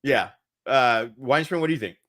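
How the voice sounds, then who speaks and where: A man co-hosts a casual chat with a candid, rambling delivery. He fills pauses freely and breaks into laughter mid-sentence. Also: medium pitch, lively intonation, a bit bright. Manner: rambling and candid, with frequent fillers; laughs often while talking. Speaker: co-host.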